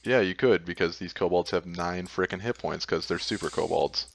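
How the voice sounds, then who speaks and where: Low, gravelly man narrating as game master. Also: moderate pace. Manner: informal, hums and sing-songs to himself between rulings.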